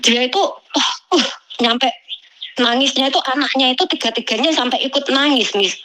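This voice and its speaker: Woman, high voice, animated, complaining, casual storytelling. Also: moderate pace, a little hiss or hum, low-quality recording. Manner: animated, complaining, keeps addressing the listener as Miss. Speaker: migrant domestic worker telling her story.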